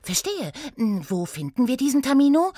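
A woman voicing a tiny, excited female gnome trainee who chatters eagerly in a high, bouncy voice. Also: moderate pace, no room sound, clean studio sound.

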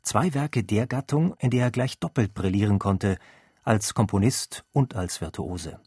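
A man reading a scripted documentary narration in a measured, even storytelling manner. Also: lowish voice, breathy edge, no room sound, studio quality. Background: faint classical music.

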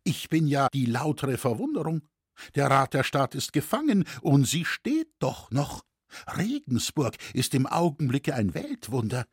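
A man voices a husky old craftsman from a historical storybook in an audiobook, sounding wry and mock-earnest. His flowery, ironic phrasing comes unhurried, with big swings in pitch. The recording is close and dry, with no room sound.

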